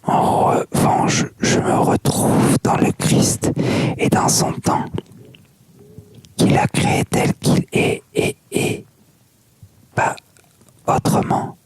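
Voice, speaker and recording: An ASMR reader whispering softly without voice, like in a library, reading a book aloud with asides. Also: slow. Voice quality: unvoiced soft whisper. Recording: very noisy whisper recording with mouth clicks.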